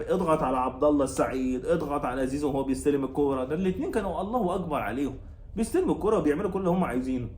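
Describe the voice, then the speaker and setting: A man's voice: on the high side, darkish tone, roomy sound, a little hiss or hum. A man with an Egyptian Arabic accent hosting his own football channel, delivering a heated, sarcastic rant that repeats its complaints and scolds the coach. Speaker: football commentator and channel host. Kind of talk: angry fan rant about a match.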